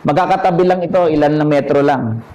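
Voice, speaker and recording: A man's voice: a little high, fast talker, a little mellow, lo-fi sound. Conversational preacher man, quizzes the congregation. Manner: conversational, asks the congregation questions; mixes in English while preaching. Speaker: pastor. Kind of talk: sermon.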